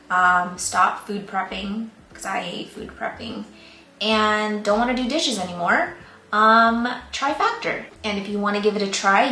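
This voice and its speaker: A woman's voice: mid-range voice, a bit bright. Young female vlogger, chatty and rambly, recorded at home in a reverberant room. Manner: chatty, rambling, self-deprecating. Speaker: plant YouTuber. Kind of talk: casual vlog talk to camera. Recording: roomy echo, faint ambient noise.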